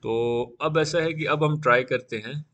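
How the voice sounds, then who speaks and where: A man teaching a live beginner class on 3D software, talking casually and often saying "okay" while he works. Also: mid-range voice, measured pace. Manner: casual, repeats "theek hai" often. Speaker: 3D software instructor.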